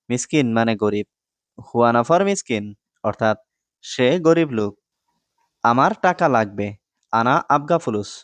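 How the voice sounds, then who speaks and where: A man from Bangladesh giving a scripted lesson, explaining phrases word by word in a steady, repetitive way. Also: medium pitch, smooth, no room sound. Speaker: Arabic language teacher.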